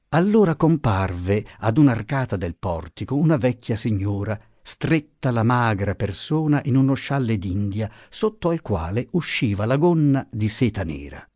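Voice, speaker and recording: A man narrating a classic novel as an audiobook, reading in an expressive, theatrical way. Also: fairly low pitch, husky, no room sound, clean studio sound. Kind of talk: scripted literary narration.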